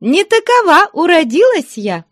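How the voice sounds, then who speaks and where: A woman's voice: extremely high pitch, sing-song, moderate pace, no room sound, clean studio sound, pitched above the performer's own voice. A woman reading a story, voicing a mischievous young woman who scolds and mocks her suitor. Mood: teasing scolding. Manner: scolding, mocking, laughing. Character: young woman, mischievous, teasing, sharp-tongued. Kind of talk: audiobook character voice.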